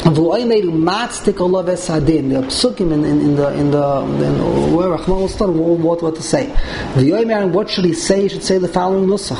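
A rabbi with a slightly high voice leads an informal Talmud class at a fairly quick pace, working through the text phrase by phrase and repeating and rephrasing as he goes. The recording is clearly noisy and sounds like it was captured in a room.

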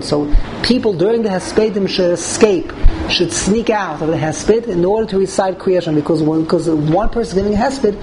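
A man teaching an informal Talmud class as a rabbi, repeating and rephrasing as he explains phrase by phrase. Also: high voice. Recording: clearly noisy room recording.

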